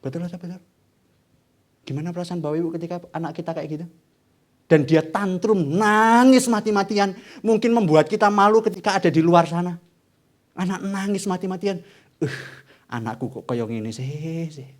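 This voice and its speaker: A young man preaching a sermon in church, animated and asking the congregation questions. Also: sits high, a little fast. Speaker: evangelist preacher.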